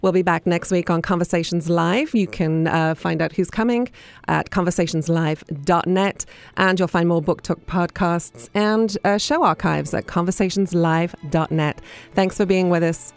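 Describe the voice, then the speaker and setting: A woman hosting a radio interview show, asking questions in a friendly, halting way. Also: lowish voice, creaky.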